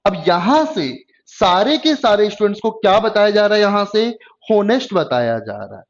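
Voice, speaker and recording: Male tutor, lecture style, drawn-out dictation, high voice, muffled lo-fi audio. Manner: slow, drawn-out dictation of English phrases, frequent "got it?" checks. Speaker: online exam-prep tutor. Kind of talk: classroom lecture mixing Hindi and English.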